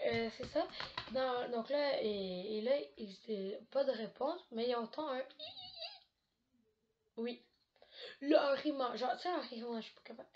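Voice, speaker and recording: A woman's voice: a little high, dull audio. A woman hosting a live stream, telling a spooky story casually with many hesitations and joking asides. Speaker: livestream host. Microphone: home streaming mic.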